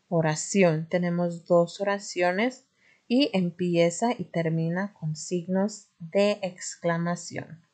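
A woman teaching a grammar lesson, patient and careful, often pausing with fillers and correcting herself. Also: fairly low pitch, a little mellow. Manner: patient, self-correcting, frequent "este" fillers.

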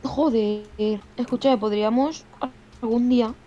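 Giggly woman, high voice, dull lo-fi mic with faint hiss. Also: a little slow, dark tone. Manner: giggly, short replies. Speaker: co-player. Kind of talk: casual game chat.

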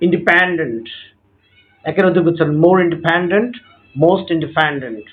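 A man teaching an English grammar lesson, slow and patient, drawing out each example word and repeating a set phrase after each point. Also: a little high. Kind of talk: grammar lesson explaining notes. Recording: tinny phone-like sound.

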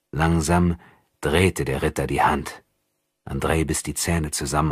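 A man narrating an audiobook in a measured, even way. His voice is extremely deep with a husky edge. The recording is close and dry, with no room sound. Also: no room sound. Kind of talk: scripted narration.

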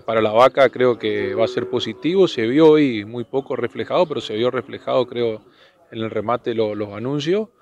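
Un hombre de unos cuarenta años con acento del norte argentino, entrevistado al aire libre, titubea y repite palabras. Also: male voice, lowish voice, dull audio. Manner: hesitant, repeats words, frequent tag questions. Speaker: farm association official being interviewed. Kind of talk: spontaneous news interview. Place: outdoors under trees. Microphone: handheld reporter microphone.

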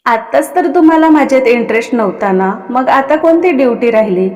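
A woman's voice: fairly high pitch, measured pace, warm tone, long reverb tail, highs cut off, faint music behind, natural voice. A woman voicing a young wife who is hurt, flustered and exasperated, speaking in a raised, plaintive tone.

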